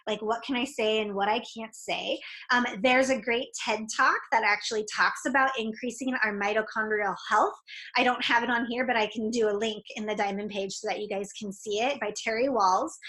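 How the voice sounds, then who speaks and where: A woman's voice: on the high side, a bit bright, rough recording. A woman fitness coach giving a casual, chatty talk to fellow coaches, with lots of fillers and an upbeat manner.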